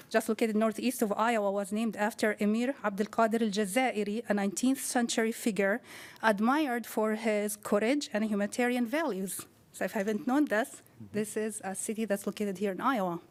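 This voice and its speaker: A woman reading a prepared statement of thanks to a city council in a formal, measured way. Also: a little high. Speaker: community advocate.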